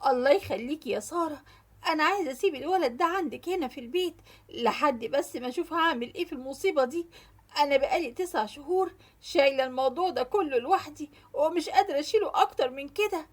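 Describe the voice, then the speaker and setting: A woman's voice: sits high, fast, lightly acted. A woman with an Egyptian accent voicing a young woman who pleads and begs. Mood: pleading. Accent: Egyptian Arabic. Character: young woman, lovesick then frightened.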